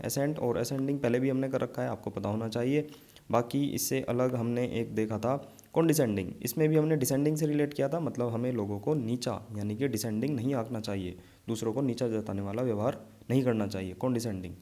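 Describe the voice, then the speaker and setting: A man's voice: mid-range voice, dark tone. A man teaching an exam vocabulary lesson, explaining memory tricks and checking in often with his students.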